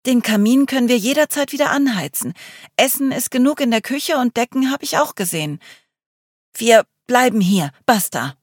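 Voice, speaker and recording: A woman's voice: on the low side, big pitch swings, slow pace, husky, no room sound, clean studio sound, exaggerated voice. A woman reading the part of a nervous young woman who turns bossy, sounding agitated and demanding. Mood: commanding. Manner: agitated, commanding.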